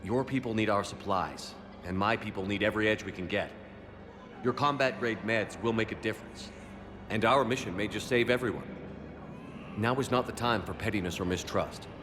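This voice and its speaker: A man playing a confident, steadfast military commander in a video game, with a firm, measured, plain-spoken delivery. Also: fairly low pitch, lightly acted. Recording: music behind the voice.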